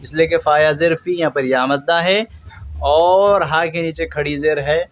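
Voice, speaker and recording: A patient man teaching a reading lesson, who draws out each word slowly and repeats it, then explains briskly and corrects common mistakes. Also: fairly high pitch, fairly even intonation. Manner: slow drawn-out recitation of words between brisk explanations.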